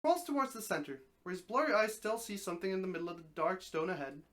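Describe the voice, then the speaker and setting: A streamer with a medium-pitched voice reads a story aloud quickly in a live, dramatic style. The narration is expressive, though the reader sometimes stumbles over a phrase and says it again.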